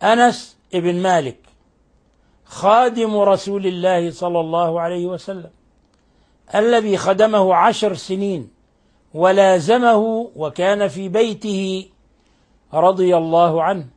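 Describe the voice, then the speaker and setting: A man's voice: high-pitched, measured pace, long pauses, darkish tone. A man teaching Quran recitation on a call-in show, patiently correcting each sound. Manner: patient, corrects pronunciation closely. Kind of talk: radio call-in recitation lesson.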